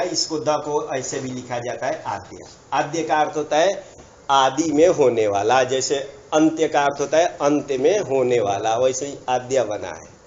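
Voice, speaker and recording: Man teaching grammar, lo-fi. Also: fairly high pitch. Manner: repetitive, checks understanding with asides. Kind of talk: explanatory grammar lesson. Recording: dull lo-fi recording.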